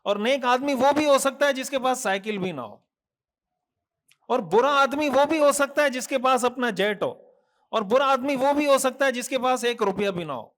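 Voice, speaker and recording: A man delivering a sermon in a very high voice. He admonishes earnestly, asks rhetorical questions and stacks repeated phrases. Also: fairly bright tone. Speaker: mufti preacher. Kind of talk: Thursday night sermon.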